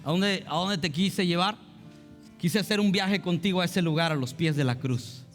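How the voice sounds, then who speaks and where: A man's voice: high-pitched, moderate pace. A man preaching a fervent, emotive sermon as pastor at a church service. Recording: reverberant hall with soft guitar.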